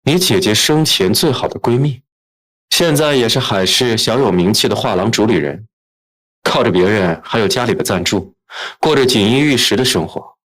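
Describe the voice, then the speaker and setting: An actor playing a ruthless young tycoon who speaks calmly and coldly, with quiet menace. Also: male voice, lowish voice, normal speed, poor audio. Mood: scheming. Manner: calm, cold and menacing.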